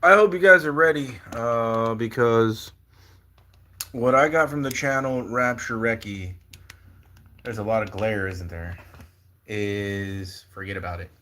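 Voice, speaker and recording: A man hosting a casual livestream, talking in an excitable, rambling way with many fillers. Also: mid-range voice, takes it slowly. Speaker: livestream host. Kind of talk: casual livestream chat about prophecy.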